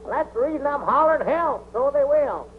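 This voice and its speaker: An actor playing a gullible old country storekeeper with a drawl, folksy and quick to holler, in 1940s film comedy. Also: male voice, very high-pitched, animated. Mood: panicked. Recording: tinny, hissy 1940s film soundtrack.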